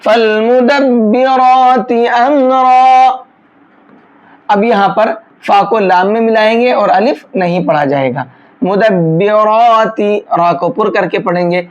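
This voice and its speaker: A patient recitation teacher working through a tajweed lesson, one rule at a time. The explanations are calm and plain, then the voice stretches out into slow, chanted recitation of each word before returning to plain teaching. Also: medium pitch, muffled recording.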